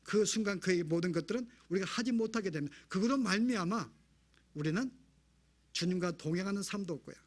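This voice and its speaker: A man's voice: sits high, a little fast. A man pastor preaching a sermon in a church, asking the congregation rhetorical questions. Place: church sanctuary.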